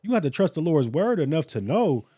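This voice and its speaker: A man's voice: on the high side, a little fast, no echo. A man, co-hosting a casual podcast talk in an earnest, preacherly way. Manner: earnest, preacherly, animated storytelling. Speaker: podcast co-host.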